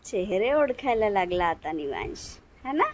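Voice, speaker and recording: A woman's voice: mid-range voice, very animated, moderate pace, darkish tone, slight background noise, poor audio. A young mother with a Marathi accent, talking in singsong baby talk to her infant at home while she films on a phone. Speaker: mother and vlogger. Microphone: phone camera.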